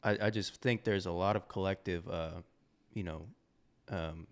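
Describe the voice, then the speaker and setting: A man co-hosting a podcast, talking in a relaxed, reflective way and trailing off with fillers like "um" and "you know". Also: sits low, normal speed. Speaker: podcast co-host. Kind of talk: casual podcast chat.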